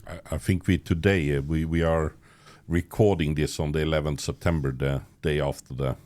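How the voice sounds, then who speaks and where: Hosting a podcast interview in English, a man from Norway, a native Norwegian speaker, talks in a very deep, steady, slightly mellow voice. His conversational delivery halts often, with many restarts and little chuckles in the middle of sentences.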